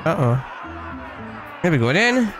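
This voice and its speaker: A Scottish man jokes and laughs through let's play commentary, his voice lively and his pace unhurried. Game music and crowd noise play behind him. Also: a little high. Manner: joking, laughing, teasing the characters. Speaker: gaming streamer.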